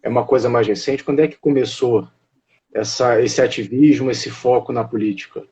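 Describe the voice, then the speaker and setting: A man's voice: medium pitch, fairly even intonation, normal speed, warm tone. A man hosting a casual live-stream interview over a video call, friendly and joking about football.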